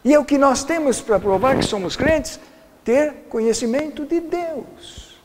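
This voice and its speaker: A man's voice: extremely high pitch, lively intonation, unhurried, a little mellow. Older man preaching in an echoey hall. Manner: folksy, rambling, searches for words. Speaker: pastor. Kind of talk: sermon lecture.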